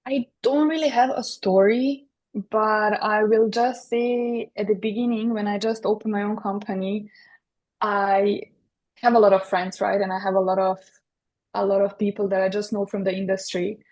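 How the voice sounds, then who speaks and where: A woman from Serbia speaks English with a Serbian accent, her pitch held level and even. She talks in a hesitant way, pausing on fillers and restarting her sentences. She sounds like a guest in her thirties on a podcast. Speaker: guest, interior designer. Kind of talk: podcast interview.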